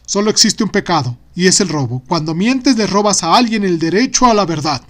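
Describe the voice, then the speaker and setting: A man's voice: high voice, lively intonation, fairly quick, fairly bright tone, pitched above the performer's own voice. A man voicing a stern, commanding father with emphatic, declarative delivery in an audiobook. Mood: firm, solemn.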